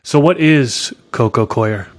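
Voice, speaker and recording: Relaxed male host, mid-range voice, casual and good-humoured. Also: medium pitch, slow. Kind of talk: casual chat.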